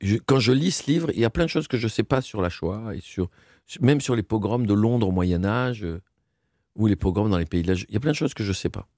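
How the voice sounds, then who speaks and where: A man's voice: on the low side, lively intonation, a little fast, darkish tone, no room sound, studio quality. A man being interviewed as a guest, recalling a personal memory in an earnest, moved way, often stumbling and repeating words as he restarts his sentences.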